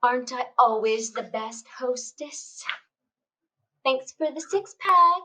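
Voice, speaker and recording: A woman's voice: high voice, lively intonation, slow pace, sharp tone, full character voice, poor audio. A woman playing a bitter, crass middle-aged mother who scolds and sneers at her kids in a student radio play. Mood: sarcastic. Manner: nagging, scolding, sarcastic.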